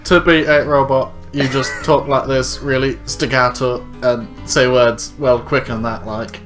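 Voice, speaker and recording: A man's voice: mid-range voice, fairly even intonation, measured pace, music in the background. A man co-hosting a casual comedy show, joking and getting easily sidetracked. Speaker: podcast co-host.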